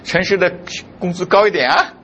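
A man's voice: high-pitched, brisk, pushed and bright, slight background noise. A male pastor preaching a sermon, who keeps putting rhetorical questions to his congregation.

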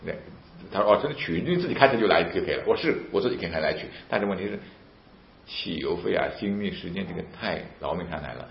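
A gravelly, deep-voiced man tells a casual story at a fast clip, animatedly re-enacting dialogue with emphatic outbursts. The recording is roomy, dull and lo-fi, with a faint hiss.

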